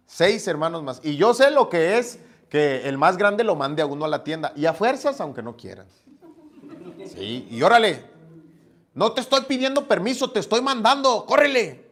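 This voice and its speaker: A man preaching a sermon, telling stories and acting out the dialogue in them. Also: mid-range voice. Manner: storytelling, acts out dialogue with lively shifts. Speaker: pastor.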